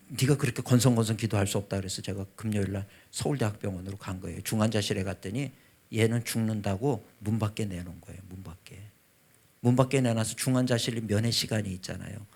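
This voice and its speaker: A man in his fifties, a pastor, telling a personal testimony in a revival sermon with a husky voice, swinging from loud to hushed. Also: lowish voice. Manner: emotional storytelling, voice rising and dropping sharply.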